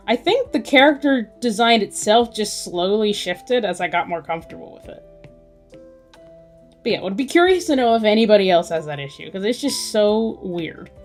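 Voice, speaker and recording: A woman sketches on stream and chats in a relaxed, musing way while music plays behind her. Her voice is medium in pitch and a little mellow.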